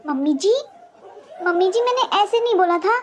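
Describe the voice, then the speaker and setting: Woman voicing a cartoon daughter-in-law, young, very high-pitched, whiny, pleading, flustered. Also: animated, moderate pace. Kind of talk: cartoon voice acting.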